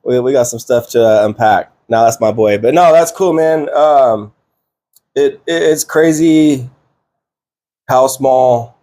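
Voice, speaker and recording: A man in his thirties hosts a relaxed podcast chat. He talks loosely, full of slang, fillers and restarts. His voice sits at an everyday middle pitch for a man. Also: slow. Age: 30s. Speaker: podcast host. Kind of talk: casual chat.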